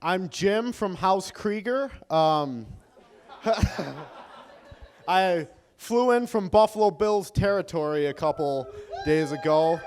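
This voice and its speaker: A man giving a wedding toast for an old friend, hesitant with many fillers and wry jokes. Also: a little high. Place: wedding venue.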